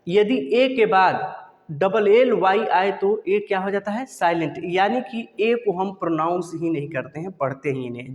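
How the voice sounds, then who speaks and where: A man's voice: sits high, long reverb tail. A man teaching a video lesson, asking questions and answering them himself.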